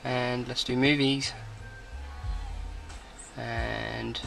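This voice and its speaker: Soft music plays behind a car audio installer as he demos a product in and around a parked car, talking informally and matter-of-factly without a script. His medium-pitched voice is gravelly and a bit bright, barely moves in pitch, and draws out its words.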